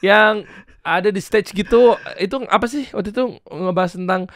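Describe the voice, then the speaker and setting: A man's voice: sits high, moderate pace, creaky, a bit bright, no echo. A man in his thirties hosting a casual chat, informally asking questions and searching for words as he goes. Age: 30s. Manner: informal, searches for words, repeats short acknowledgements. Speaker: podcast host.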